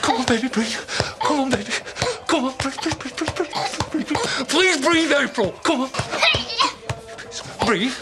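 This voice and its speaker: A woman's voice: high-pitched, unhurried. A woman playing a frantic rescuer who keeps pleading with someone to breathe. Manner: pleading, repetitive urging. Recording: loud music over the voice.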